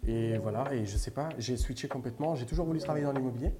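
A native Italian speaker in his thirties co-hosts a podcast, chatting casually with many fillers and restarts. His mid-range voice comes rapid-fire against a noisy background.

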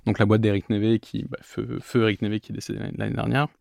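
Gravelly, rambling young man. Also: on the low side, level tone, fast talker, darkish tone, no room sound, studio quality. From England. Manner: rambling, long answers. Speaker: guest filmmaker. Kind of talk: casual interview.

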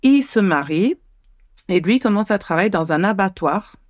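A woman's voice: mid-range voice, lively intonation, moderate pace, dry recording, clean studio sound. A woman co-hosting a podcast, telling a true-crime story in a casual, chatty way with frequent hesitations.

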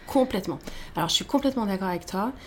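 A woman in her thirties, a guest telling her career story in a casual interview, animated, with many fillers and restarts. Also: mid-range voice, rapid-fire.

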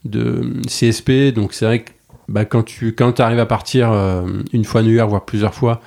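A man's voice: mid-range voice, steady tone, moderate pace, gravelly, a little mellow. A man in his forties, a travel blogger, chatting casually as a podcast guest with many restarts and fillers. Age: 40s. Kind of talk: casual conversational interview.

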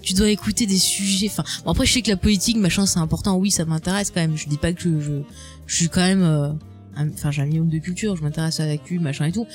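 A woman guest in a casual conversation, chatty and expressive, laughing often and swearing casually. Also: lowish voice, quick pace, faint music behind.

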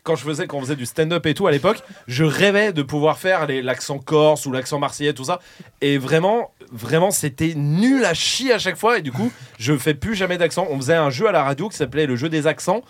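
Animated joking man, lively swings. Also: fairly high pitch, brisk. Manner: animated, swearing, self-mocking. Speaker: podcast co-host. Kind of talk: casual group chat.

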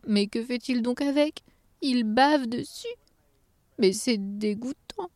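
A fussy little male elf, voiced by a woman, raised well above her own pitch and talking in an indignant, drawn-out way. A storybook character who is quick to take offense. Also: darkish tone, no room sound, studio quality.

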